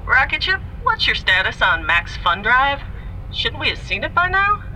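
A performer voicing a mission control operator calling over a crackly sci-fi radio communicator in crisp radio procedure. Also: high-pitched, very animated, moderate pace. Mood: radio calls. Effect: crackly sci-fi radio communicator transmission. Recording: distant radio with static.

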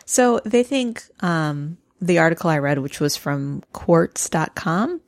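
A woman's voice: sits low, animated, takes it slowly, dry recording. A woman co-hosting a casual podcast chat, laughing often and sharing bits of research she looked up. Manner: giggly, shares little researched facts. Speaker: podcast co-host.

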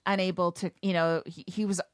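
A woman's voice: fairly low pitch, little pitch movement, a little fast, no echo, clean studio sound. A woman co-hosting a podcast, chatting casually and bluntly, swearing freely and laughing often. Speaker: podcast co-host. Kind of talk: casual chat.

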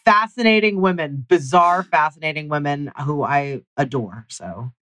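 An artist speaking in a casual conversation, warm and given to laughing. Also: medium pitch, normal speed, no echo.

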